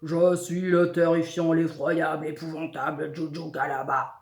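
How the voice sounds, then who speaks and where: A woman voicing a booming, greedy male forest demon who roars his threats. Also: level tone, unhurried, roomy sound. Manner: roaring, menacing.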